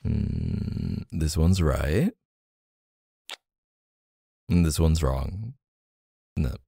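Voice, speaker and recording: In this intimate ASMR boyfriend roleplay, the performer gives an animated, exaggerated take on a deep, gravelly, teasing partner. He sounds playful and focused, murmuring teasingly in a low, soft rasp broken by hesitant hums and pauses. Sound is clean studio quality without echo.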